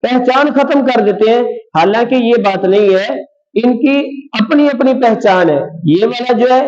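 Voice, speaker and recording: A man teaching how to pronounce letters for reciting the Quran, repeating each sound slowly and clearly for learners to copy. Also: extremely high pitch, a little mellow. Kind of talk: lesson on letter pronunciation. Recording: dull lo-fi sound.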